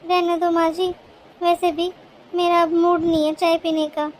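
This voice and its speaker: A woman's voice: very high-pitched, level tone, measured pace, a little hiss or hum. A woman voicing a whiny scheming young daughter-in-law. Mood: whining. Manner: whiny, sugary, tattling. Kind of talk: cartoon voice acting.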